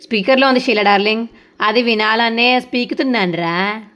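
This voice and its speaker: A woman's voice: on the high side, fairly quick, fairly bright tone, natural voice. A woman voicing a playful, mocking young man who teases his mother in a retold serial. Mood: teasing. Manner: teasing, sarcastic.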